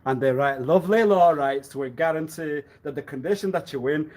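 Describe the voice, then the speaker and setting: A livestreamer rambles through a brisk monologue, lurching between loud outbursts and quiet muttering. He laughs often and keeps clearing his throat.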